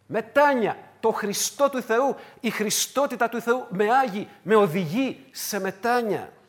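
A man preaching a sermon to his congregation, emphatic and repetitive, moving between loud declarations and hushed asides. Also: mid-range voice. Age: adult with wife and children.

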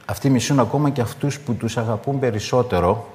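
A sorrowful, wounded candle of love, low and subdued as it burns out, voiced by a man in a sermon. A long reverb trails through the hall. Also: darkish tone, close to an everyday voice.

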